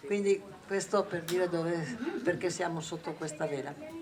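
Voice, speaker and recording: Casual group talk, jokey, mid pitch, crowd audible. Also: moderate pace.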